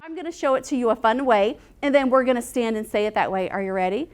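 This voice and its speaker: A woman preschool teacher leading her class through a playful recitation. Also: fairly high pitch. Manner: slow, sing-song, leading children in chants. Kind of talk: classroom lesson demo.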